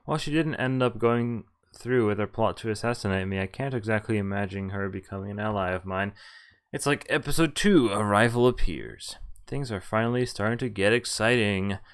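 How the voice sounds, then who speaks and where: This streamer's voice is lowish and smooth, and he moves briskly as he reads a visual novel out loud in a casual playthrough. Stumbles over lines and offhand asides pop up along the way, with game music in the background.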